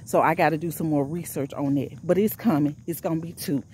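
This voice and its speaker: A woman's voice: sits low, steady tone, a little fast, darkish tone, a little hiss or hum. Breathless woman preaching while walking. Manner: exhorting, repetitive, rising into preaching. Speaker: vlogger.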